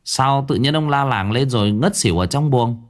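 A man's voice: mid-range voice, normal speed, pitched above the performer's own voice, natural voice. A man voicing an anxious young male household servant who stammers and pleads with his master. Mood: worried.

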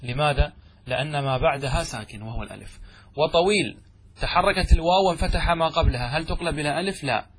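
A man's voice: fairly high pitch, fast talker, slight background noise. A middle-aged man teaching classical grammar, explaining step by step and answering his own questions. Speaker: sheikh teaching Arabic grammar.

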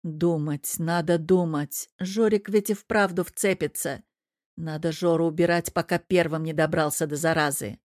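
A woman's voice: sits low, fairly even intonation, normal speed, no echo, clean studio sound, lightly acted. A woman voicing a cocky adult man who grumbles and teases. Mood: wry. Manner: grumbling, teasing. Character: gruff adult man nicknamed devil, wry and cocky.

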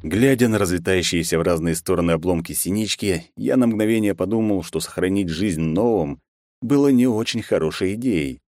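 A man narrating an audiobook in a steady, measured reading. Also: low voice, no echo, clean studio sound, soft background music. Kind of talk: scripted narration.

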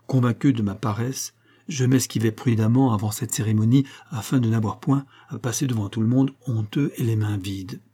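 A man reads a classic short story aloud with measured, expressive pacing. His voice is dark and mellow, with a husky grain, at a middle pitch. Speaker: narrator. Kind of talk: literary audiobook reading.

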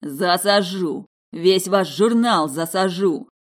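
A woman voicing a brutish, threatening heavy older man who drags his bellowed threats out slowly in a storybook reading. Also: fairly low pitch. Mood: furious. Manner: slow, drawn-out bellowing threats.

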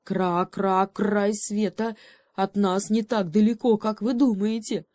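Lady putting on a carefree raven, slow, croaky stutter, dry close sound. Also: mid-range voice, steady tone, warm tone, no room sound, natural voice. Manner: drawls and stutters "kra" croaks into words. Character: carefree cheeky old raven.

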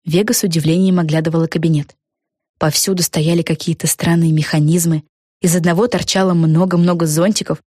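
A woman narrating a children's storybook with an expressive, even reading. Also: fairly low pitch, no echo, clean studio sound. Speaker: audiobook narrator.

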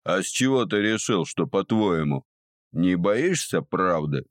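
A gruff old bearded gnome jailer, sarcastic and scolding, drawing out his words slowly, as a man puts him on. His voice sits higher than the narrator's deep tone, and the audiobook recording is dry and close. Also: lively intonation, no echo.

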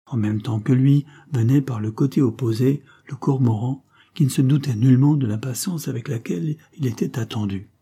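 Male audiobook narrator, mellow and husky, steady scripted reading. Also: mid-range voice, normal speed, few pauses.

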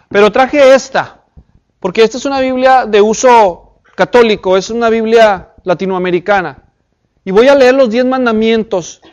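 A man teaching the Bible to a group in sermon style. He checks in with his listeners and reads scripture aloud slowly and deliberately. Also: sits high, lo-fi sound. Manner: addresses the audience with questions and check-ins. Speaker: preacher teaching a Bible class.

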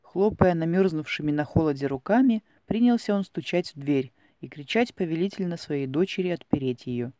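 Man reading a classic tale, high voice. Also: expressive, fairly quick, hardly any pauses, dark tone, dry recording, clean studio sound. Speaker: narrator. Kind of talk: scripted storybook narration.

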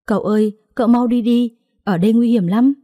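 A woman's voice: medium pitch, normal speed, dark tone, no room sound, clean studio sound, close to an everyday voice. A woman voicing a frightened young pregnant wife who pleads in a tearful, desperate way. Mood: pleading.

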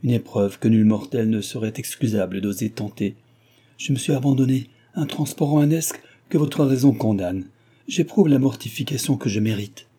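A man's voice: mid-range voice, normal speed, dark tone, breathy edge, lightly acted. A man voicing a proud, agitated young male suitor in a storybook reading, speaking in an impassioned, pleading way. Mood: stiffly proud.

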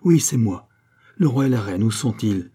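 A man voicing an eager, loyal farmer in an audiobook, calling out loudly. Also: fairly low pitch, lively intonation, normal speed, slightly rough. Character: loyal old male farmer, eager and loud. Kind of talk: audiobook character reading.

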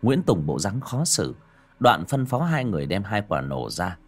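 A male audiobook narrator with a low voice and very lively intonation. He reads supernatural fantasy in a dramatic, scripted style. Music plays softly behind him. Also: moderate pace, husky. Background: background music.

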